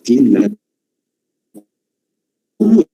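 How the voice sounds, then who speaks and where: Man, classroom lecture, very mellow tone, roomy echo. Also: medium pitch, sing-song, extremely slow, lo-fi sound. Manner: questioning, checks in with listeners often. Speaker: teacher. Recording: echoey room.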